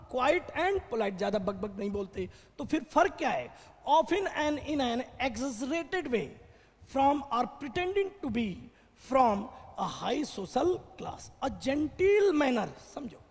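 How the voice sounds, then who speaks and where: A man teaching vocabulary in a classroom, explaining slowly and answering his own questions. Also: extremely high pitch, big-room sound.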